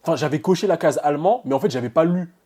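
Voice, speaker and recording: A man's voice: fairly high pitch, racing, dark tone, slightly rough. A young man chats straight to his viewers in a casual vlog. He is nervous and keeps stumbling, cutting off and restarting his sentences as he goes through his results. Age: young adult. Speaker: vlogger.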